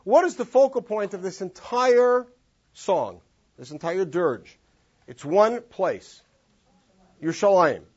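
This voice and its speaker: The teacher, a man from Los Angeles, has a high, breathy voice. He guides a classroom through a text with animated energy, drawing phrases out into long sung tones, captured in dull lo-fi audio.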